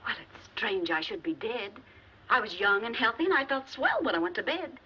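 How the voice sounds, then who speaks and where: Breezy young ghost, muffled screwball banter. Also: female voice, fairly high pitch, very animated, normal speed, bright, forceful tone, slightly rough, heavily acted. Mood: breezy, flippant. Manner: flippant, wisecracking. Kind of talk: old Hollywood screwball comedy banter. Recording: dull, noisy old film soundtrack.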